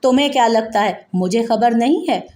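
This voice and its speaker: A woman's voice: a little high, moderate pace, a little mellow, close to an everyday voice. A woman voicing a heartbroken young wife who sobs and pleads yet stands firm, in a narrated audio novel. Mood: bitter.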